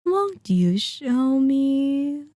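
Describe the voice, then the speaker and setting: A woman voices a sadistic female vampire lord who possessively toys with a captive hunter, in an intimate ASMR roleplay recorded close and dry. Her medium-pitched tone is soft and mellow, and her slow, drawn-out, mock-polite delivery carries teasing curiosity and menace.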